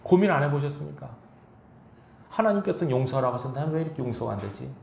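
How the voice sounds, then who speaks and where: Speaking very fast and expressively, a male preacher with a gravelly, darkish mid-range voice reads scripture in an echoing sanctuary, then pushes listeners with rhetorical questions. There's slight background noise.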